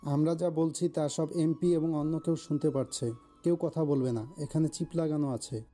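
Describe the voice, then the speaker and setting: A man voicing a calm, cunning gang boss. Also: a little high, normal speed, faint music behind, close to an everyday voice. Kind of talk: audio story drama.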